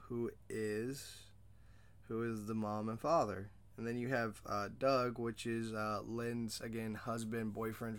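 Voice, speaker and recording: A man's voice: mid-range voice, smooth. Rambling young man hosting a movie podcast. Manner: rambling, loose, with many fillers and self-mocking jokes. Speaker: podcast host. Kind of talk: casual movie discussion.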